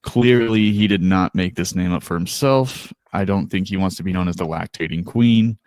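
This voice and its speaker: Low-voiced man hosting a casual chat. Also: normal speed, darkish tone, no echo. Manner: chatty, laughs often, hesitant with fillers. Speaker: podcast co-host.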